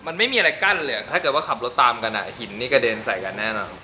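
A man's voice: mid-range voice, big pitch swings, racing, bright, forceful tone, a little hiss or hum. Chatty man showing off a car. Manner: chatty, joking, mixes English car terms. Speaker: car vlogger. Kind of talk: casual car walkaround.

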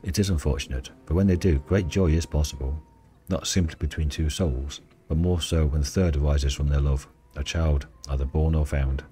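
A man's voice: very deep voice, fairly even intonation, normal speed, warm tone. A man voicing a wistful, ancient female dryad from a video game, telling the story solemnly. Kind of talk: video game dialogue read aloud.

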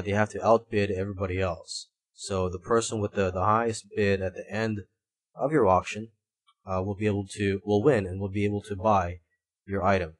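Low-pitched man giving a halting tutorial. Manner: halting, repeats words and restarts phrases often. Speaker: online tutorial instructor. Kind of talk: screencast tutorial narration, explanatory. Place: voice-over recorded for a screen recording.

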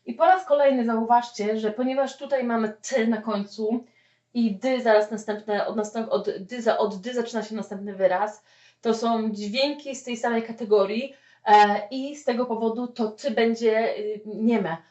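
A woman teaching a spoken English lesson, explaining with lively "okay?" check-ins. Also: fairly high pitch, normal speed. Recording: echoey room, mic at a distance, dull lo-fi sound.

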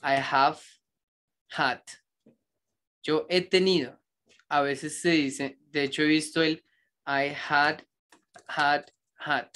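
Male English teacher, slightly high voice, rambles, then dictates examples slowly. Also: steady tone, sharp tone. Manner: switches between explaining and slow dictation of examples; reflective, rambling asides. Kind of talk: online grammar lesson.

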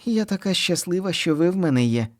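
A man's voice: sits high, lively intonation, fairly quick, no room sound, studio quality, voice pushed up. A man doing a caring mother. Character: caring mother, warm and busy.

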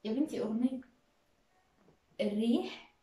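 A woman's voice: fairly high pitch, normal speed, warm tone, reverberant, distant mic. A woman with an Egyptian accent chats casually during a game, prompting her partner by repeating words and syllables. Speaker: partner giving words in a guessing challenge.

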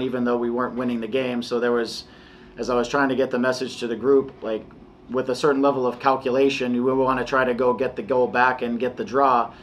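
A man in his forties, a soccer head coach, answering questions at a post-match press conference in a measured, halting way, with many restarts. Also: medium pitch, a little hiss or hum. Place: press room before a sponsor backdrop.

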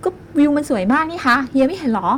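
A woman playing an excitable teenage girl. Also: high-pitched, quick pace, slight background noise, pitched above the performer's own voice. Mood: eager. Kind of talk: audiobook character voicing.

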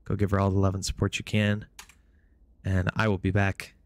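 A man talking casually on a gaming live stream. He rambles loosely, full of fillers and restarts. His voice sits on the low side. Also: completely flat delivery, moderate pace.

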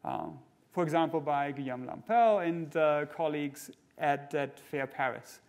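A middle-aged man delivers a conference keynote with a voice pitched a little high. He explains things step by step in a measured way, with frequent fillers and small restarts. He speaks from a large stage into a headset mic. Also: darkish tone.

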